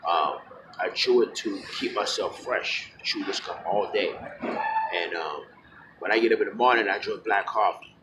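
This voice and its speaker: A man with a deep, low voice speaks in a loose, rambling monologue, often stopping to restart his sentences. He talks frankly and plainly. Clear background noise and passing vehicles run under his voice. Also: normal speed. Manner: rambling, full of fillers and self-corrections. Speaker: vlogger. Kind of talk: casual talking-to-camera monologue.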